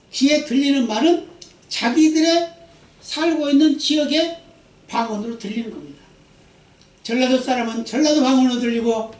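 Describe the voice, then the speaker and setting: High-voiced pastor preaching in an echoey church. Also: male voice, a little mellow. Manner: emphatic preaching, asking the congregation for responses. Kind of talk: Sunday sermon. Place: church sanctuary. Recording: echoey church hall from a distance.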